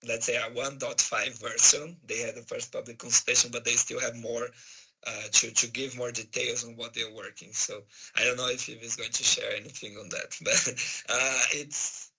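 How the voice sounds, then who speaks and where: Hoarse guy with a sore throat, very bright husky voice, talking casually on an online panel, hunting for words. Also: medium pitch, little pitch movement, normal speed, rough recording. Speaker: guest speaker. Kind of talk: informal answer in an online panel.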